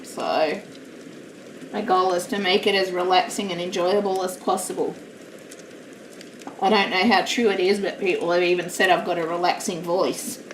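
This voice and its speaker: At a normal speed, a woman with a loud, slightly low voice rambles casually and self-deprecatingly while crafting at home on a stream. She's far from the mic, the space sounds roomy, and a steady noise persists underneath.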